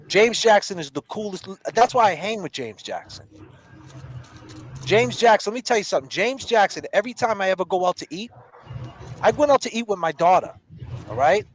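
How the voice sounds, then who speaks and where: A man's voice: high voice, very animated, normal speed, rough recording. A middle-aged man hosting a livestream, confrontational and heated, calling people out by name. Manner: confrontational, repeats names and calls people out directly. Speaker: livestream host.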